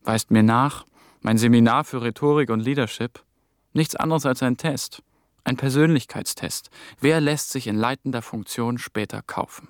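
Close to an everyday voice, this young man's mid-range delivery moves at a normal speed, captured dry in a clean studio. He's the lead actor narrating a radio drama as an ambitious young German intern who is fleeing, hunted and haunted. His clipped phrasing carries a brooding, tense mood.

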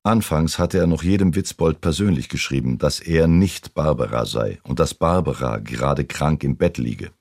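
A man reading a novel aloud in a steady, unhurried way. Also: rumbling low, no room sound, clean studio sound. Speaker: audiobook reader.

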